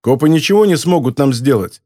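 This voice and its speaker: A man's voice: a little high, lively intonation, fairly quick, darkish tone, no echo, studio quality. A man voicing a hot-tempered former soldier in an audiobook, talking in a defiant, blustering way. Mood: angry. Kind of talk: audiobook character voice.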